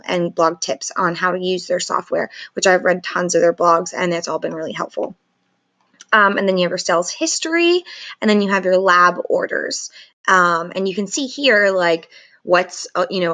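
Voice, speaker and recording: A woman in her thirties, whose voice sits on the low side, gives a chatty software tutorial to camera as a photographer. Talking is painful for her because of a sore throat. Her loose, "like"-heavy walkthrough and review is captured via screen recording with a webcam.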